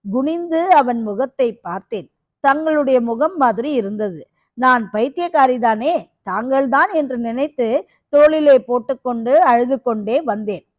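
A woman's voice: high voice, animated, normal speed, no echo, lo-fi sound. A woman doing a harsh-voiced fearsome kapalika woman. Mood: dramatic. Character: fearsome female kapalika, once beautiful, half-crazed.

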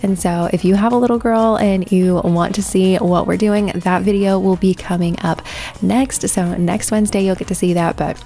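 A woman's voice: mid-range voice, fairly even intonation, moderate pace, mellow. A woman in her thirties chatting to viewers in a friendly, upbeat voice-over for her cleaning vlog. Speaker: cleaning vlogger.

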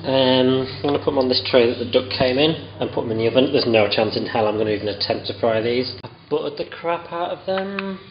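A tired cooking vlogger in his thirties talks briskly, barely pausing, in a mid-range voice while he cooks in his home kitchen at night. He rambles, mocks himself and says "um" a lot, holding the camera close to his face. The room echoes, and the sound is muffled with slight hiss or hum.

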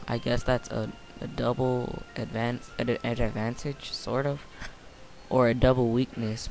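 A man's voice: medium pitch, creaky, a little hiss or hum. A tired young man rambling through casual let's-play commentary late at night, offhand and full of fillers. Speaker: gameplay commentator. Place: home room, late night.

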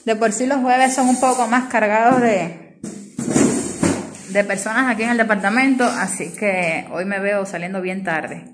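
A woman's voice: medium pitch, moderate pace. A woman with a Cuban accent vlogging from her hospital department, chatting to viewers and coaxing a crying child. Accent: Cuban Spanish. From Cuba. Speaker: vlogger and ultrasound worker. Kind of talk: casual vlog chat to viewers. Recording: music playing under the voice.

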